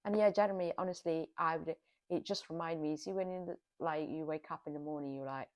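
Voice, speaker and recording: Low-voiced woman ranting over reality TV. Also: a little fast. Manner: exasperated, scolding, animated. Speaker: reality TV commentator. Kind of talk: casual reaction commentary.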